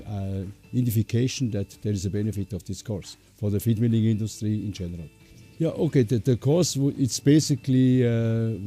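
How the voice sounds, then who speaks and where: Low, mellow man answering with many pauses. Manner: hesitant, many filler pauses. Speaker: course instructor. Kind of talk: interview answers.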